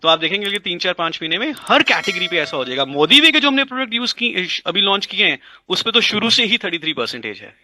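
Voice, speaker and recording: A man's voice: sits high, big pitch swings, quick pace, few pauses, sharp tone, slight background noise. A man explaining a business plan in an interview, mixing in English and repeating phrases for emphasis. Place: indoors at a dining table.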